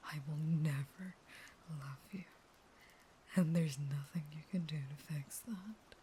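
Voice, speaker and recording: In an intimate audio roleplay, a woman plays a starving female vampire, her mellow voice low, breathy, and mostly whispered. She draws her words out slowly as an unstable caged lover, bitter and threatening as she pleads and menaces, with faint noise behind her.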